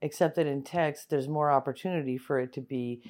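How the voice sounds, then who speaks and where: A woman chatting calmly on a podcast, picking up on what others said. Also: rumbling low, a little fast. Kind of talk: casual podcast chat.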